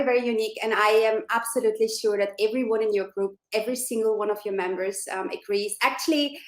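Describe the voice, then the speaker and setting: A woman's voice: medium pitch, echoey room. A woman in her forties from Austria, an interview guest on a video call, chatting enthusiastically with many fillers. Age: 40s.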